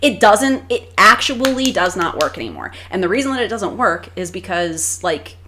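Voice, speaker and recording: A woman co-host in relaxed podcast chat with a bright, forceful tone set a little low. She talks frankly and animatedly and swears without hesitation. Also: moderate pace, slight background noise. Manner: frank and animated, swears freely, laughs often. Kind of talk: casual chat.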